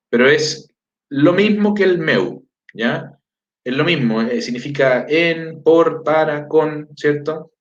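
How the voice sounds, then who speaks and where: Male language teacher, patient and explanatory, a touch high-pitched, recorded with room echo. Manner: patient, explanatory, often checks in with "¿ya?". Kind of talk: online language lesson. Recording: echoey, slightly dull sound.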